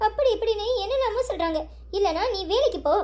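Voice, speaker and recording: A woman's voice: very high voice, expressive, quick pace, a little mellow. A woman voicing a young wife who pleads and apologizes to her husband in a cartoon story. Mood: pleading.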